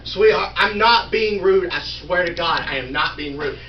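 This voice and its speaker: A man in his thirties works a small crowd, joking at his own expense and teasing the people up front. His voice sits high for a man. The live recording is roomy and dull, with a steady buzz of ambience behind him. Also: moderate pace, distant mic, a little hiss or hum. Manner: self-mocking, bantering with the audience. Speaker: stand-up comedian. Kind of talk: live stand-up set with crowd work. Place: small indoor venue in a wine store.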